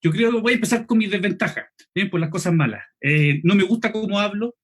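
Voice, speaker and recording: Chilean man, high and slightly husky, running an online preaching class; quick, clipped delivery. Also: a bit bright. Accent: Chilean Spanish. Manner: quick, clipped speech, swallows final S, frequent "¿cierto?" checks. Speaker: preaching instructor. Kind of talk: online seminar lesson.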